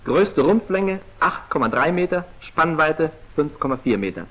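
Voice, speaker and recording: Through a muffled, dull vintage soundtrack comes the voice of a man narrating a 1940s training film. Neither fast nor slow, he delivers his lines in a clipped, precise, formal declamatory way, his fairly high and husky pitch moving in lively swings.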